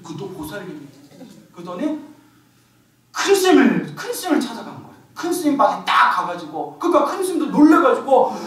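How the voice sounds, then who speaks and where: A male Buddhist monk telling a humorous sermon story in a temple hall, with an animated, playful delivery. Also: very high voice, a little fast. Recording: echoey hall, distant mic.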